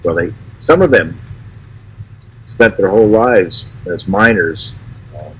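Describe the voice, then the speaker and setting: A man's voice: low-pitched, slow pace, fairly bright tone, husky, low-quality recording. A man who is a little under the weather, chatting casually with his students as an instructor. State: unwell. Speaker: instructor leading an online class.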